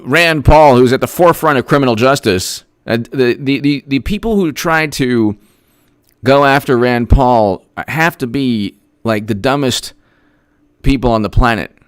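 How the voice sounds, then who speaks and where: A man's voice: medium pitch, measured pace, clean tone, no echo, clean studio sound. A man hosting a political commentary livestream, sarcastic and emphatic as he rattles off statistics and thanks viewers for their messages. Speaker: host.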